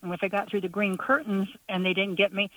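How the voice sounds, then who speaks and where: A woman phones in to a radio show, her voice carried over the caller line and sounding set back from the microphone. Her tone is bright and forward. She talks in a loose, chatty way, rambling through a story. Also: mid-range voice, little pitch movement, fast, no echo. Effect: caller heard over a phone-in line. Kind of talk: casual phone-in chat. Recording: distant phone-in caller audio.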